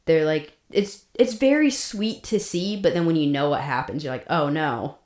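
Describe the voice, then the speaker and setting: A woman's voice: sits low, sing-song, normal speed, a little mellow. A woman co-hosting a podcast, telling the story in a casual, chatty way with fillers and laughs. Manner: chatty, laughs often, many fillers and restarts. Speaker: podcast co-host. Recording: roomy echo.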